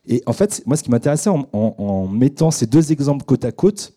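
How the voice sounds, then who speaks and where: A young man hosting a radio discussion, introducing his guests in a halting way with many fillers and restarts. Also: mid-range voice, big pitch swings, mellow. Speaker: radio debate host. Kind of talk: hesitant unscripted introduction. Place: radio studio.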